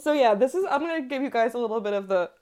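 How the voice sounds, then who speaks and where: A woman's voice: on the high side, lively intonation, racing, darkish tone. A woman co-hosting a casual chat over a video call, with dry jokes and a lot of agreeing fillers. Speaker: podcast co-host.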